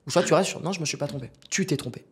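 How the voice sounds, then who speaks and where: A man's voice: on the high side, very fast, a little hiss or hum. A man in his twenties, a business founder and podcast guest, telling a story casually, acting out dialogue and speaking with slang and asides to the host.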